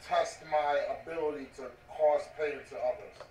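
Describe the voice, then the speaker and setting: A man playing a calm, devout male cleric healer with formal, measured speech through a voice changer filter. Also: on the high side, reverberant, far from the mic, slight background noise. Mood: serene. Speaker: tabletop game player.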